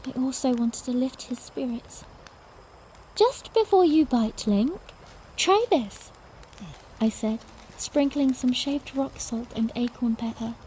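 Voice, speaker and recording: Woman acting a high-voiced, tender princess, Zelda. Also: slow pace, darkish tone, a little hiss or hum, poor audio. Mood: warm, wistful. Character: young princess, tender, earnest, gently playful narrator. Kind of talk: first-person audiodrama narration with character dialogue.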